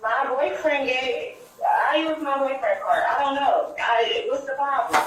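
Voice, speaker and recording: A woman's voice: high-pitched, unhurried. A woman heard through a phone on speakerphone, answering in terse, evasive short replies. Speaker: caller on speakerphone. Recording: echoey, distant phone speaker with faint noise.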